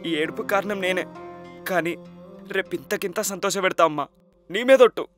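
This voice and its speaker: A remorseful young son, Telangana accent. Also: male voice, high voice, steady tone, a little fast, sharp tone, faint music behind. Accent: Telangana Telugu. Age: young adult. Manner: apologetic, emotional. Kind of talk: web series drama acting.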